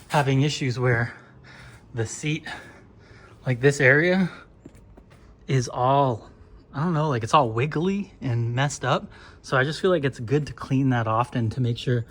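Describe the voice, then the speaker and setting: A man vlogging outdoors as he washes his car, talking in a relaxed, rambling way with plenty of fillers. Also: medium pitch, a little hiss or hum. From northeastern United States. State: slightly out of breath. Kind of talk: casual talk while washing a car.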